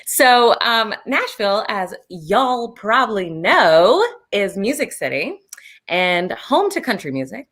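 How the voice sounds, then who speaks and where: A raspy, hoarse woman travel advisor giving a casual online presentation over a video call, chatty and full of fillers. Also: mid-range voice, sing-song, slow, a bit bright.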